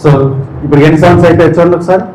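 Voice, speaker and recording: A man's voice: sits high, steady tone, a little mellow, slight background noise. Man teaching phonetics. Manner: quizzes listeners, repeats sounds slowly. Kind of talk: spoken English phonetics lesson. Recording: echoey room.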